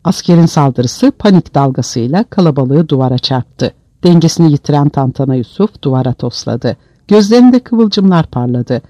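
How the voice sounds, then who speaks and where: Mellow, lively male storyteller. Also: fairly high pitch, moderate pace, few pauses, no room sound. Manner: dramatic storytelling. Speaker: narrator. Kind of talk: audiobook narration. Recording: dull, dry lo-fi recording.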